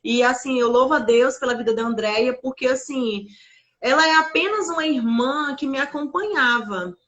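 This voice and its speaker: A woman with a high voice tells a personal faith testimony. She speaks earnestly, leaning on fillers as she goes. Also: normal speed, a bit bright, lo-fi sound. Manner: earnest, many fillers like "assim" and "né". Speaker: guest sharing her testimony.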